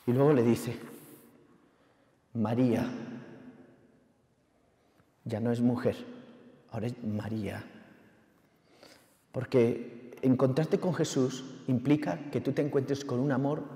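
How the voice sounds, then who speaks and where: A man's voice: mid-range voice, steady tone, slow pace, pauses often, mellow. A man preaching a sermon, passionate and at times fervent, often asking the listener direct questions. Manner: impassioned, rising to fervent exhortation. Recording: echoey hall with long reverb.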